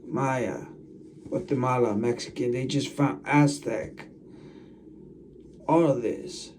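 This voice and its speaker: A man's voice: mid-range voice, slow pace, a little mellow, far from the mic, a little hiss or hum. A man talking casually to his viewers as a channel host, rambling and repeating himself as he talks straight at the camera. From United States. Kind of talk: casual vlog monologue.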